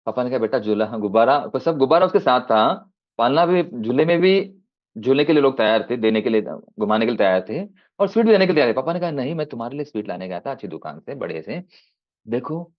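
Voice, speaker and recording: Male devotional speaker, mid-pitched, storytelling sermon over a dull video call; acts out both sides of a dialogue. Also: expressive, fast talker. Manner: acts out a child and father in dialogue, rising high and dropping soft; mixes in English phrases.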